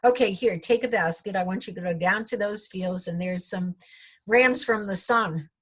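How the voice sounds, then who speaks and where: A woman's voice: medium pitch, moderate pace, a bit bright, close to an everyday voice. Woman playing a scornful, haughty goddess. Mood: commanding. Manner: scornful, commanding. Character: haughty, cruel goddess of love, adult woman.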